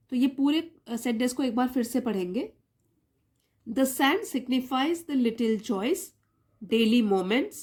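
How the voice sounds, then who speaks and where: A woman's voice: a little high, a little mellow. A woman with an Indian accent reading an English story aloud and explaining it line by line as a teacher. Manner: reads English lines slowly, then explains them word by word.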